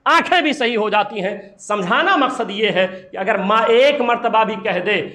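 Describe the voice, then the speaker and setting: High, bright-voiced male preacher. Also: echoey room. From India. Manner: impassioned storytelling with emphatic repetition. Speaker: Islamic preacher. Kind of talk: sermon.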